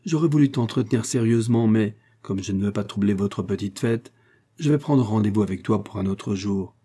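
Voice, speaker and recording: A man doing a calm, amused inventor. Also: lowish voice, fairly quick, breathy edge. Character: calm, amused middle-aged male inventor.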